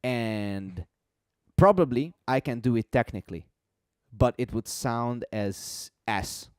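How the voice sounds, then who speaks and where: Male host for a casual live stream: mid-pitched, smooth and clear, dry close sound, patient explainer who hammers points by repetition. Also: slow, no echo. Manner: explanatory, repeats words for emphasis. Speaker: host explaining music mixing.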